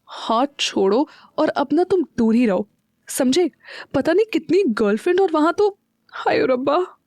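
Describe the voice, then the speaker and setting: A woman's voice: fairly high pitch, normal speed, no echo, clean studio sound, lightly acted. Woman doing a fiery, jealous Punjabi young wife. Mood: indignant. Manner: huffy, indignant and sharp-tongued.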